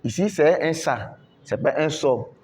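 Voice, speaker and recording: A man's voice: fairly high pitch, expressive, a little mellow, slight background noise. A man teaching Quran recitation in French, patiently repeating each word and drawing out the recited syllables. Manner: slow, repeats words many times, drawn-out recitation.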